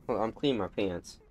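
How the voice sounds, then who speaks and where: A man's voice: fairly low pitch, a little mellow, slight background noise. A man hosting a gaming video, joking and exclaiming through casual banter with his friends. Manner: goofy, exclamatory, jokey.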